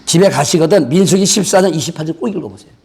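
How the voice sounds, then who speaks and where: A man's voice: a little high, racing, creaky, darkish tone, husky. A man preaching a fervent, folksy sermon as pastor of a church, with playful asides to his congregation. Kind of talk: Pentecostal-style sermon. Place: church sanctuary.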